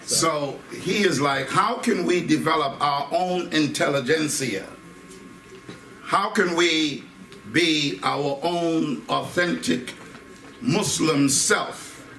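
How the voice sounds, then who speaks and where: A middle-aged American man, invited to speak on faith and identity, addresses a live audience in an indoor hall with a slightly high voice. He's animated and emphatic, repeating lines for effect and joking along the way. Echo, a distant mic and faint background noise mark the recording.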